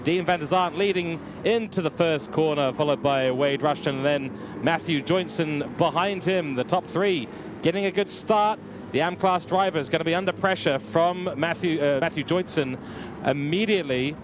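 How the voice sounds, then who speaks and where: A young man giving live commentary on a simulated car race, energetic and building excitement, his voice getting worn. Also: a little high, moderate pace, noisy background. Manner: energetic, rising with excitement at incidents. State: losing his voice. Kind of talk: live sim racing commentary.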